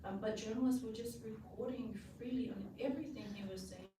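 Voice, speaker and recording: Samoan woman, audience question, measured delivery, echoey far-off hall with room noise. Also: fairly high pitch. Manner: thoughtful, measured, many fillers. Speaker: audience member asking a question. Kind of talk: panel audience comment. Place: conference hall. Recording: roomy hall audio from afar, noisy.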